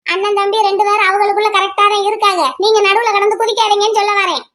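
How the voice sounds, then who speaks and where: A woman voicing a quick-tongued young village wife in a cartoon family drama, fast and outspoken. The voice is extremely high and the words tumble out at speed. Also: flat delivery, fairly bright tone. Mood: argumentative. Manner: fast, argumentative, reasoning. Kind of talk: cartoon voice acting.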